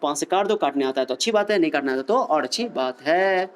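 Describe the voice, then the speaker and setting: A male physics teacher works through problems quickly in a fairly high, clean voice with lively intonation. Playful and jokey, he quizzes and teases his students.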